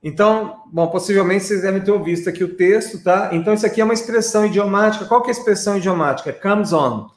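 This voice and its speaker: High-voiced chatty man teaching. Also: quick pace, few pauses. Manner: chatty, explains step by step with frequent checks like "tá?". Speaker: English teacher. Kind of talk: screen-share software tutorial. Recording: echoey room.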